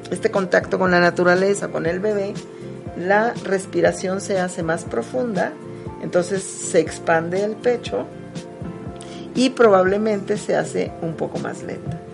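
A woman, hosting a live talk, who explains body awareness in a gentle, reflective way. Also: medium pitch, slow, gravelly. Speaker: host. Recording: music playing behind.

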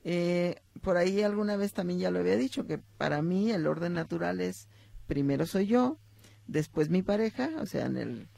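A middle-aged woman with a Mexican accent talks about motherhood, her voice thick with gravelly fry. Her tone is dark and mellow, recorded dry and close. She tells little stories and briefly acts out the people in them. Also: on the low side, lively intonation, moderate pace, no echo. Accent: Mexican Spanish. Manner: warm storytelling, acts out short quotes, addresses listeners. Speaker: psychologist and talk host. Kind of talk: reflective talk on motherhood and stories.

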